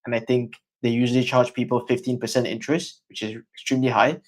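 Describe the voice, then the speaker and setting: A man's voice: medium pitch, little pitch movement, fast. A man interviewing a guest in an informal, conversational way. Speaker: podcast interviewer.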